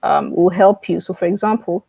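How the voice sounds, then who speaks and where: A woman's fairly low, creaky voice has a darkish, slightly rough tone and moves at a normal speed in a dry recording. She is an online publishing coach hosting a live webinar, teaching and promoting informally while often repeating phrases and checking in with viewers.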